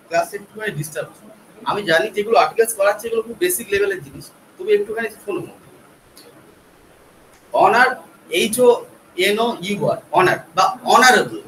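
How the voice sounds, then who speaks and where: A male English teacher from West Bengal, India, gives a classroom grammar lecture in a high, bright voice, explaining patiently, spelling words letter by letter, and asking rhetorical checks. He's recorded from far off in an echoey, roomy classroom with faint background noise.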